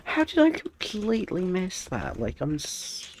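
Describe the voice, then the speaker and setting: Man, gaming streamer, frustrated muttering, slow, very lively pitch. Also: a little hiss or hum. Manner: frustrated muttering to himself, exasperated. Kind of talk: casual live-stream commentary while playing.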